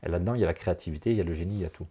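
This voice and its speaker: Husky guy coaching a client, low voice, upbeat and pushy in a friendly way. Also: racing. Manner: animated, encouraging, talks in bursts. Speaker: enneagram coach. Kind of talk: coaching session.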